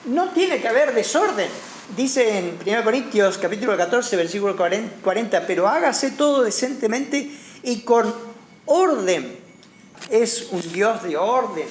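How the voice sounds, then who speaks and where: A male pastor with a Paraguayan Spanish accent preaches emphatically, his voice swinging from loud peaks to quiet drops. The sound is roomy and echoey, with a faint hum underneath. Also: high voice, very animated, a little slow. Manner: emphatic preaching, voice rising and dropping sharply. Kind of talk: sermon.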